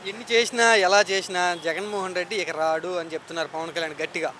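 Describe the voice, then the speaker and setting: Fast-talking high-voiced male reporter. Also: fairly even intonation, bright, forceful tone, slight background noise. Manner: prompting, quick questions. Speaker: street reporter. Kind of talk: news street interview.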